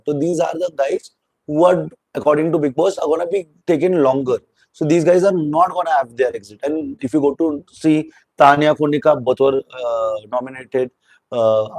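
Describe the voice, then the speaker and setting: A man's voice: on the high side, darkish tone, no echo, low-quality recording. A man giving a rambling, opinionated spoken review of a reality show, mixing in Hindi words.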